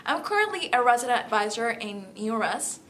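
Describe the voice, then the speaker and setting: Fairly high-pitched and very animated, this young Salvadoran-accented woman talks a little fast in a fairly bright tone over noisy audio. She's a student candidate giving an interview and campaign pitch, earnest and phrased like a non-native speaker.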